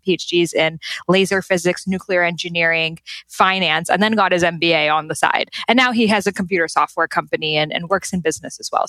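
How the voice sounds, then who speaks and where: A woman from the United States, a podcast guest telling stories in a lively, chatty way. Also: lowish voice, dry recording, rough recording. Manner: lively, chatty, quick to laugh. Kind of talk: casual interview storytelling.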